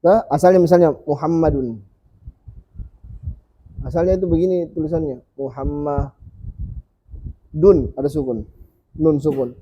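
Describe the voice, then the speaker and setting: Seorang guru mengaji pria yang mengajar kelas dengan sabar, mengulang bunyi huruf perlahan untuk murid-muridnya. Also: male voice, a little high, mellow, husky, muffled recording. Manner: patient, repeats sounds slowly for students. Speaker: Quran reading teacher. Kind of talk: teaching a class.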